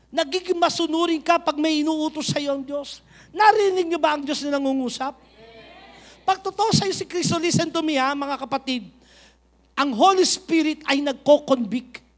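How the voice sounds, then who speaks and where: High-voiced Filipino pastor preaching. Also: male voice, unhurried, long pauses. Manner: animated preaching, mixing Tagalog and English, rising to shouts. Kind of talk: sermon. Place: church.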